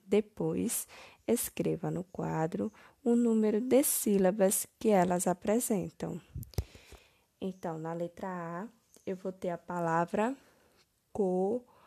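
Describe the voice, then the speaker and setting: A woman teacher, slowly correcting first-grade homework step by step, stressing each word. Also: lowish voice, vocal fry, dark tone, no room sound, clean studio sound.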